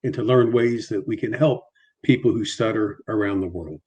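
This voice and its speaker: On a relaxed video call, a middle-aged guest speaks in a lowish, slightly mellow voice. A mild stutter makes him halt often, repeating himself and starting over many times.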